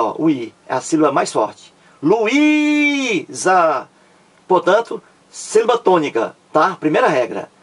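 A man's voice: on the high side, breathy edge. A man with a Ceará Brazilian accent teaching a grammar lesson, explaining step by step and repeating his points. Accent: Ceará Brazilian Portuguese.

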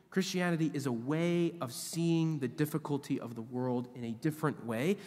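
A man in his forties, a visiting priest, preaching a sermon at a church lectern in an animated, emphatic way. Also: a little high. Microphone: lectern microphone. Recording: long church reverb.

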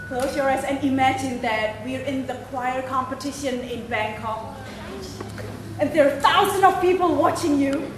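A woman playing an encouraging choir director on a theatre stage, giving instructions to a group. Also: high-pitched. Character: encouraging female choir director rallying her singers. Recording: echoey hall from far off, audience noise.

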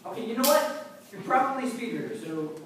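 A man's voice: very high voice, lively intonation, fast. A young actor playing a teenage boy who rambles through a wish-list prayer in a church skit. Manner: rambling, bargaining, awkward. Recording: echoey room from far off, faint noise.

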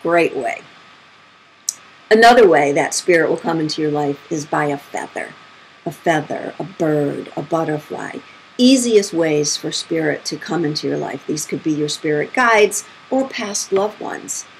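In a casual storytelling monologue, a middle-aged spirit medium chats about her own experiences, speaking a little slowly with lively intonation and voicing the quotes with big pitch leaps. The audio is poor, with a bit of hiss or hum.

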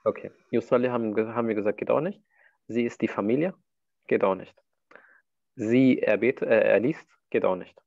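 A man's voice: on the low side, moderate pace, creaky, darkish tone, no echo, highs cut off. A man teaching Arabic in a one-to-one online lesson, patiently walking his student through each answer.

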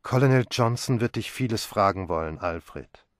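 A man voicing a calm, composed woman who speaks quietly and steadily. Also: lowish voice, normal speed, no echo, clean studio sound, natural voice.

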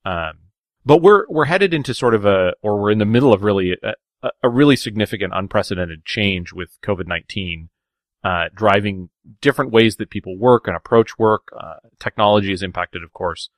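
Low-voiced man hosting a podcast. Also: lively intonation, fairly quick, no room sound, studio quality. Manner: conversational, questioning, repeats words. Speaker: podcast host. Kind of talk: podcast interview.

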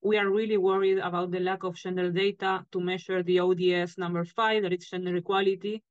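A woman's voice: on the low side, flat delivery, brisk, no room sound. A woman speaking on a cell phone call over a shaky connection from a hotel room, a frank and outspoken panelist. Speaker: panelist, founder of a data organization. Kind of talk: online panel discussion. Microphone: cell phone on a video call. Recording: dull lo-fi phone audio.

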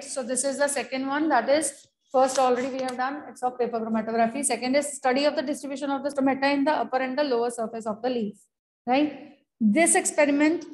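A woman's voice: high-pitched, a little mellow. A young woman with a North Indian accent, a native Hindi speaker, teaching in a classroom manner and checking understanding with short tag questions. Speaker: biology teacher. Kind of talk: classroom explanation mixing English and Hindi. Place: indoor classroom at a blackboard, speaking through a face mask. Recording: roomy, echoing classroom sound.

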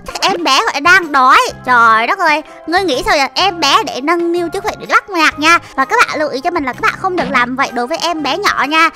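A woman hosting a Minecraft role-play, exclaiming constantly and bossing a partner in a mock-regal tone while talking to viewers. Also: high-pitched. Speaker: host.

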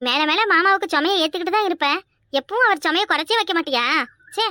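A woman's voice: very high voice, fast, pushed and bright, no echo, studio quality. A woman voicing a scolding, complaining older sister and housewife in a cartoon, with a Kanyakumari Tamil accent.

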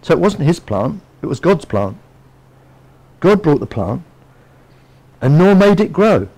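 A man's voice: fairly high pitch, very animated, unhurried, darkish tone, low-quality recording. A man giving a sermon in a conversational, storytelling way, with many asides to his listeners. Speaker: preacher.

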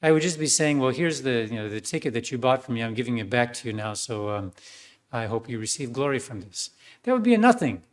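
Earnest priest giving a sermon. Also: male voice, medium pitch, big pitch swings, fast. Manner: earnest, with fillers and restarts.

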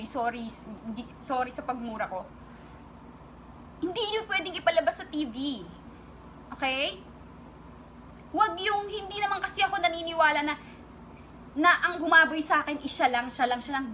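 A woman's voice: high voice, sharp tone, slight background noise. A woman vlogger with a Filipino accent, angrily and tearfully speaking straight to her critics in an emotional online rant.

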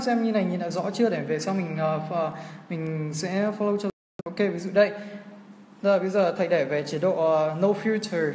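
A man's voice: high voice, darkish tone. A young man teaching on a livestream, walking through an exam in a chatty way and often checking in with his viewers. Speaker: English teacher. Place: indoor room, filming his screen for a livestream. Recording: echoey room with long reverb.

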